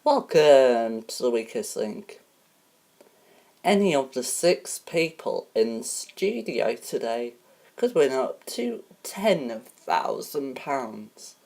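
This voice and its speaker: A woman hosting a homemade game show parody, reading rules and questions in a halting way with many ums and restarts. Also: a bass voice, sing-song, dark tone.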